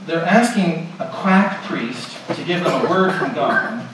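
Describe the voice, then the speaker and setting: A male preacher with a somewhat high voice teaching through a passage in a relaxed, conversational way, throwing rhetorical questions to his congregation. He sounds far from the mic in a very echoey room, with steady background noise. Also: measured pace. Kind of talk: expository sermon.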